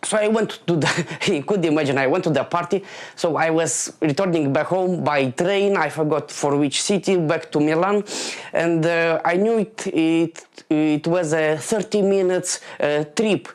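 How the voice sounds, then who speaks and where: A man in his late twenties from Moldova, delivering a halting stand-up comedy monologue full of fillers and restarts. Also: on the high side.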